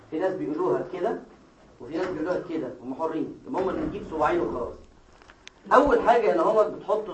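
Fast-talking Egyptian lecturer in an echoey hall. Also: male voice, a little high, distant mic, slight background noise. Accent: Egyptian Arabic. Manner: explains step by step, quizzing students with quick questions. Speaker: medical lecturer. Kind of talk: classroom lecture. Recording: echoey hall, taped from afar.

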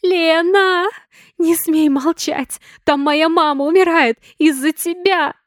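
A frantic young woman on the edge of tears, as a female audiobook reader puts her on, crying out in high, strained shouts. Her voice climbs well above the reader's own. The reading is close and dry, with no room sound. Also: measured pace, no echo. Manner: shrill, pleading shouts. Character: frantic young woman, tearful, desperate friend.

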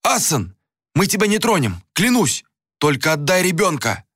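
A man voicing an anxious, loyal young friend who pleads and shouts in a strained high voice. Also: very animated, moderate pace, slightly rough, no echo, clean studio sound, heavily acted. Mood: frantic. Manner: pleading, frantic, shrill when shouting.

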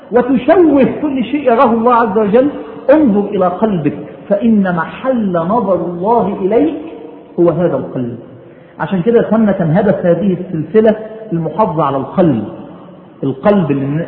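A man with an Egyptian Arabic accent preaching a religious sermon in colloquial speech, exhorting listeners with emphatic rhetorical questions and recited quotations. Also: high voice. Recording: tinny phone-like sound, echoey room, noise.

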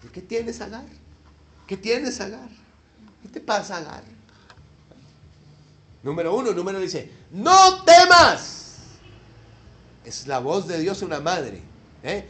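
A man preaching a Mother's Day sermon, animated and jokey, with outbursts and questions to the congregation. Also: high voice, unhurried, long pauses. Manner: talks to the congregation with tag questions. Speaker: pastor.

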